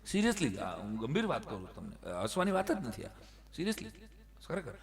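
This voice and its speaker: Animated comic storyteller, man. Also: on the high side, fairly quick, gravelly, a crowd in the background. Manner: animated, acts out characters with sudden loud shouts and broken English. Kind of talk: live folk comedy storytelling.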